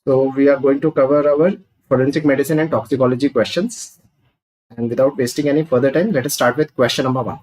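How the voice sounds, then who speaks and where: A man's voice: mid-range voice, fairly even intonation, fast, darkish tone, rough recording. A man with a North Indian accent teaching an exam review class, posing questions and answering them in a didactic way. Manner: didactic, asks questions and answers them, repeats key points; mixes Hindi phrases into English. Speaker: medical lecturer. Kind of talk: exam review lecture, live online class.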